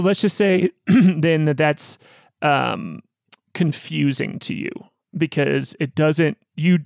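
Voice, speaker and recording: A man narrating as game master of a tabletop role-playing game, halting with many fillers and restarts. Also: mid-range voice, vocal fry, dry recording, studio quality.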